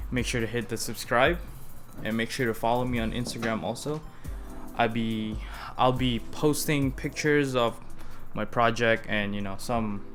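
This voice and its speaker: A man's voice: mid-range voice, a bit bright. A young man hosting his own car project vlog, talking loosely to camera with frequent restarts. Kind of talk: casual vlog talk to camera.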